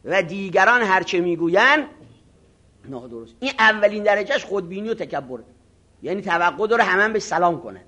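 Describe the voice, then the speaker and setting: Animated high-voiced cleric preaching. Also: male voice. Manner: animated, acts out arrogant voices, self-mocking; chants Arabic scripture slowly. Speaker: cleric teaching ethics. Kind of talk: moral sermon to seminary students.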